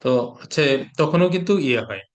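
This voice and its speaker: A man from Bangladesh teaching English pronunciation in an online class, repeating each sound and example word slowly. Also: on the high side, animated.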